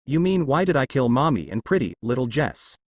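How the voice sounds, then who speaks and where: Man reading as a mocking demon villain, taunting, lively delivery. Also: medium pitch, brisk, dry recording. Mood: gloating. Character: gloating, menacing male demon.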